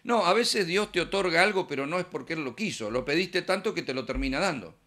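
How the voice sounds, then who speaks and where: A man's voice: a little high, lively intonation, brisk, sharp tone. A man with a Rioplatense Spanish accent preaching a conversational sermon, acting out little dialogues in his examples.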